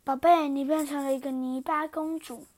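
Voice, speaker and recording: A woman voicing a gentle, patient queen mother who speaks softly and calmly. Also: high voice, normal speed, close to an everyday voice. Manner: soft and calm.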